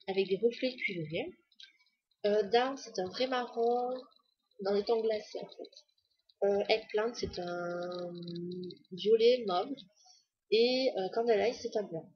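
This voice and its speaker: A woman's voice: medium pitch, husky, lo-fi sound. A woman chatting casually to the camera in a beauty haul video, enthusiastic and full of fillers. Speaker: beauty vlogger.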